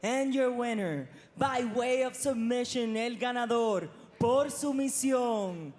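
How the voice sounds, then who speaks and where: A woman ring announcer introducing fights in Spanish and English in a formal, grandly drawn-out lucha libre manner. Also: a little high, a little mellow. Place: live fight arena.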